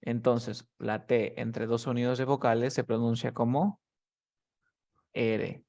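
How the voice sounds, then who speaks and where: Dark-toned with vocal fry, a man's mid-range voice stays fairly flat in pitch and takes its time. Teaching English to a lone student over a video call, he methodically breaks down each rule, patiently checking comprehension with frequent "¿cierto?"-style questions.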